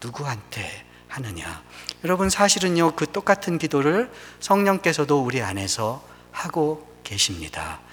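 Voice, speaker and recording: A male pastor preaching a sermon earnestly, rising to emphatic peaks and dropping to hushed lines. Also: a little high, animated, moderate pace, hardly any pauses, slightly rough, in a large hall.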